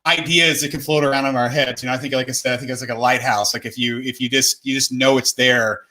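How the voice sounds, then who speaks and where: Bright-voiced man, halting conversational delivery. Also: mid-range voice, fairly even intonation. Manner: halting, rephrases often. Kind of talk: casual reflective conversation.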